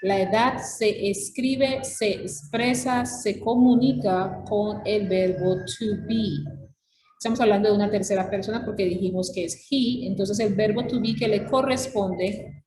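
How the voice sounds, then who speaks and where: A woman's voice: medium pitch, measured pace, dark tone. A woman English teacher, patiently going over students' written mistakes and checking in with "ok?". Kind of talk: recorded feedback lesson. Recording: roomy echo, faint background hum.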